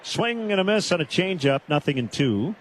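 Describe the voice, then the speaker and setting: A man calling radio baseball play-by-play, with brisk calls that climb into shouts on big hits. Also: high voice, big pitch swings, slight background noise. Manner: brisk calls that rise into shouted home run calls. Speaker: play-by-play announcer.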